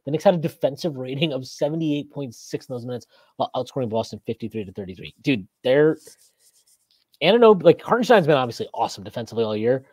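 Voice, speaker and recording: Lively, rambling podcast host man. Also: medium pitch, fast, dry recording. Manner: rambling, reads viewer comments, laughs often. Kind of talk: casual postgame chat. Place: small room indoors. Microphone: video call webcam.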